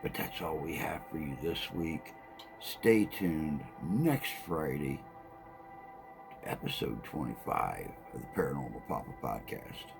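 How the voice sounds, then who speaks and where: A man with a very deep, gravelly voice hosts a paranormal podcast. He talks slowly, pausing for effect between phrases, with music playing underneath. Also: expressive. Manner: deliberate, dramatic pauses. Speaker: podcast host. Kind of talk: slow reflective podcast narration.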